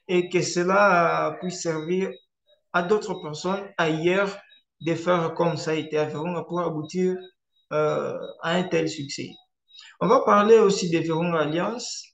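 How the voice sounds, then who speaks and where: A Swahili-speaking conservationist from eastern Congo gives a measured online presentation, hesitating often with fillers. His voice is a little high, creaky and a bit bright, and the recording has a roomy echo.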